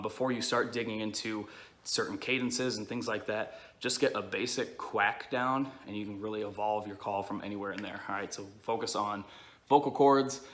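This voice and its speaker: Male, lowish pitch with a bright edge, casual tutorial delivery, plain-spoken explainer. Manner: informal, explanatory, frequent check-ins like "okay" and "all right". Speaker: duck-calling instructor.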